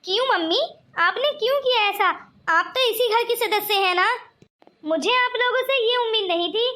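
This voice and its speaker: A stern young cartoon son. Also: female voice, very high voice, normal speed, bright, forceful tone. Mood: reproachful. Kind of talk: cartoon voice acting.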